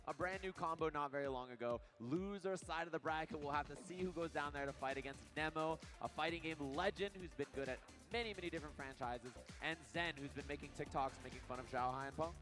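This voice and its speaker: A man's voice: a little high, quick pace, few pauses. A man giving emphatic, announcer-style commentary at a live esports event. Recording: music playing behind live stage commentary.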